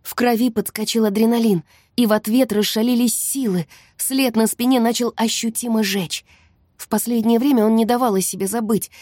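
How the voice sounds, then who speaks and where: A woman narrating a fantasy audiobook in the first person, in a tense, hushed storytelling manner. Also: mid-range voice, no room sound, studio quality. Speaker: audiobook reader.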